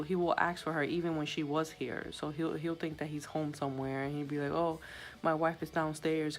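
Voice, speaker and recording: Filming on her phone, a young hospital sitter tells a story in a casual vlog, her manner chatty yet subdued and full of fillers. Her voice is low-pitched, and the recording quality is poor.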